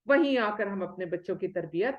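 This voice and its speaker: A woman's voice: medium pitch, lo-fi sound. A woman lecturing on Islamic history to other women, full of rhetorical questions, now and then acting out what others say. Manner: lively, rhetorical questions, acts out quoted speech.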